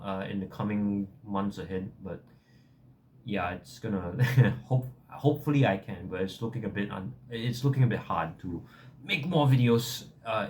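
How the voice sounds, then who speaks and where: Young singaporean guy vlogging, lowish voice, rambly and unsure, puts himself down, some noise behind him. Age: young adult. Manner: self-deprecating, hesitant rambling with backtracking. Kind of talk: casual chat to viewers.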